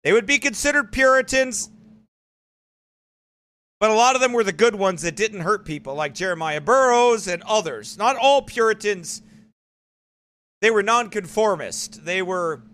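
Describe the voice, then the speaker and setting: A man preaching a sermon, talking in an emphatic, folksy way with quick asides to his congregation. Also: high-pitched, pushed and bright. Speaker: pastor. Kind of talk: sermon commentary.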